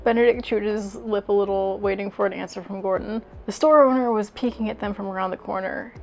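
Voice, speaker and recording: A woman's voice: mid-range voice, steady tone, fairly quick, darkish tone, soft background music, low-quality recording. A young adult woman doing a comedic reading of fanfiction, self-deprecating, sweary and exasperated as she reads aloud. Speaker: YouTuber.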